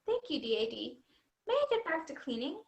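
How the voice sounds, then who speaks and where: A woman's voice: high-pitched, sing-song, a little fast, creaky, heavily acted. A woman playing an overly polite robot vacuum who talks in stiff, formal android diction. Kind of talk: stage comedy acting.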